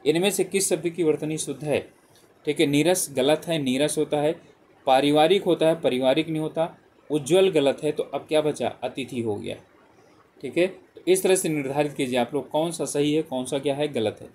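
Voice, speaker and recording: There's slight background noise behind this man's fairly high, darkish voice, which moves at a moderate pace. He's leading an exam-prep session on multiple-choice spelling questions, taking them one by one. Options get read out again and again, punctuated by frequent "ठीक है".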